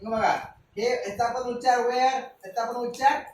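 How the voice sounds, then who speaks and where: In a very echoey room, far off the mic and with slight background noise, a Maharashtrian primary school teacher from India teaches children English words. His very high voice keeps a steady tone at normal speed as he spells every word letter by letter and keeps having the class repeat it.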